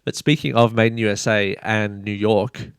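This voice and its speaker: Gravelly low-voiced man hosting a podcast. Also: steady tone, moderate pace, no echo, studio quality. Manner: rambling, lots of "kind of" and "you know". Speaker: podcast host. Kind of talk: casual sneaker podcast chat.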